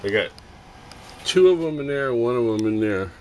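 Holding the camera himself, a middle-aged man who customizes toys gives a loose show-and-tell vlog from his messy workshop and garage, wandering off on hesitant, self-amused tangents. His voice sits mid-range, expressive and slightly mellow, captured with noisy home-camera sound.

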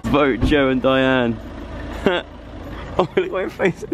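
A young man vlogging casually, excitable and teasing, laughing often. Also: medium pitch, takes it slowly, noisy background. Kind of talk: casual vlog banter.

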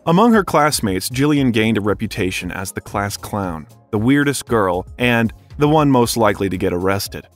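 A male narrator reading a biography script with a lively, swinging pitch. His mid-range voice carries steadily through the text, with faint music underneath. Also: moderate pace, few pauses. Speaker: documentary narrator.

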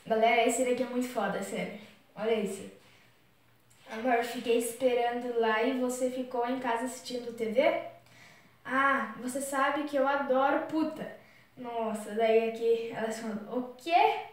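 A woman's voice: on the high side, fairly even intonation, moderate pace, far from the mic. A young woman vlogging at home, reading out messages and exclaiming often in casual, chatty talk. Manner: chatty, exclaims a lot, keeps saying "galera". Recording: very echoey room, voice off-mic, faint noise.

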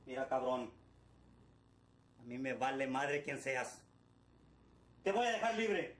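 A middle-aged man with a Mexican Spanish accent plays a ruthless, foul-mouthed kidnapper boss in low-budget film acting, barking orders, insults and threats in a menacing mood. His medium-pitched voice is very animated but slow-paced. The echoey room carries music underneath and a little hiss or hum.

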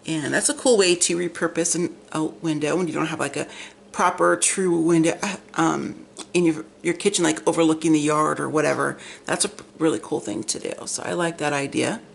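A woman's voice: low-pitched, fairly even intonation, fairly quick. A woman hosting a chatty, gushing magazine flip-through, rambling, with slightly effortful articulation as if half her face were numb from the dentist. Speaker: vlog host. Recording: clear background noise, room ambience.

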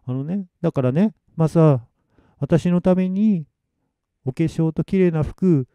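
A man's voice: on the high side, measured pace, clear, resonant tone, no room sound, dull audio, voice pushed up. A man voicing the ghost of a nineteen-year-old girl, with a sweet, slightly nasal, clingy and pleading voice.

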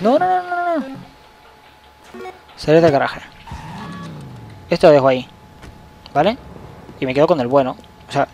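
A young man, giving loose, excitable let's-play commentary and swearing at the game. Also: on the high side. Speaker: gaming channel host.

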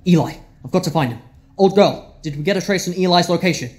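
An actor playing a clever, defiant time-travelling hero in an audio drama, with a deliberate, theatrical delivery. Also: male voice, high voice, natural voice. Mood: urgent.

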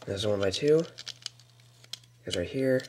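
A toy-building tutorial maker with a very deep voice talks through a build step by step at a home table, relaxed and halting, with lots of fillers and mild mutters. It's captured on a camera mic, and a clear background hiss sits beneath his voice.

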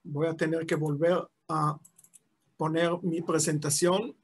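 Slow, halting older man lecturing online. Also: on the high side, flat delivery, slightly rough. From Israel. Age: 70s. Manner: halting, many drawn-out "eh" fillers and restarts. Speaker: guest lecturer. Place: at home in his city, video call. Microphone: video call mic.

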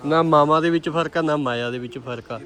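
Hearty, bantering Punjabi man, slightly high voice. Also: a little fast, fairly bright tone, faint music behind. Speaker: vlogger and cameraman. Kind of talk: casual shopping vlog chat.

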